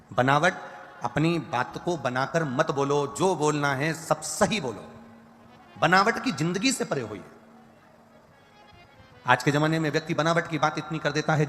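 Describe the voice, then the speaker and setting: Man, devotional preacher, emphatic list-driven delivery, slightly high voice, echoing hall. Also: a bit bright. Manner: emphatic, repetitive lists, breaks into chanting. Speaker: kathavachak preacher. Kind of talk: devotional sermon with sung verses. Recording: long hall reverb.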